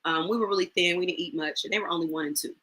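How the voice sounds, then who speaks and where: A woman in her forties speaking as a guest, her tone bright and forceful. She tells her own story with feeling and acts out the lines of the people in it. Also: fairly low pitch, racing, poor audio. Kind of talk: personal testimony in an online talk show.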